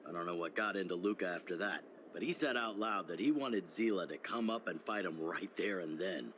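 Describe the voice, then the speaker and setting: A man playing an easygoing, jovial older mentor in a video game, relaxed and teasing. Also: low voice, a little fast, slight background noise. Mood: amused storytelling. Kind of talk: video game character acting.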